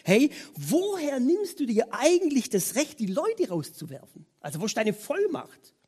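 Indignant senior high priest, played by a male preacher, loud and accusing, husky. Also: wildly swooping pitch, moderate pace, exaggerated voice. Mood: incredulous.

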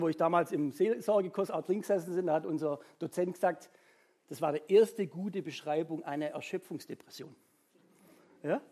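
A preacher retells a Bible story in a chatty sermon and keeps asking "ja?" to check in with listeners. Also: mid-range voice. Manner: chatty, tags nearly every sentence with a questioning "ja?"; animated storytelling with sound-effect sighs.

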